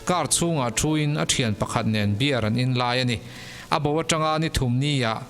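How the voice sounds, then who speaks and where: A native Mizo-speaking man narrates mystery stories in a scripted storytelling style, his mid-range voice slightly bright and his pace normal. Background music plays underneath, and the recording carries a long reverb.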